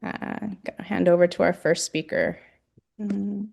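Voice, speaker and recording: Woman hosting a webinar, measured and scripted. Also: fairly low pitch, steady tone, creaky, a little mellow, breathy edge. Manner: measured, scripted introductions with occasional fillers. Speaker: webinar host. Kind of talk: moderating a webinar.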